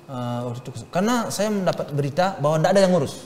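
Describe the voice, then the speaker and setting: Middle-aged man telling a story haltingly. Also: fairly high pitch, animated, a little mellow, slight background noise. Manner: halting, with many fillers and restarts. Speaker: interview guest. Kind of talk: casual storytelling interview. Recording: reverberant room with faint music.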